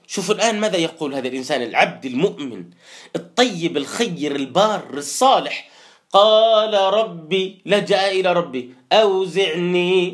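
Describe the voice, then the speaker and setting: A man teaches Quran commentary. He stretches out each recited verse slowly, then explains it in quicker plain speech. He turns to his listeners often with earnest, direct exhortation. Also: high voice.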